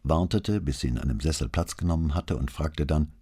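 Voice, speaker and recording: A man narrating a crime novel as an audiobook in a calm, measured reading style. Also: a bass voice, husky.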